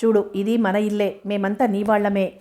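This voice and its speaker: A woman's voice: mid-range voice, little pitch movement, moderate pace, warm tone, lightly acted. A woman voicing a worried younger brother who coaxes and reasons with his older brother. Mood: coaxing. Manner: coaxing. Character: worried younger brother, pleading then firm.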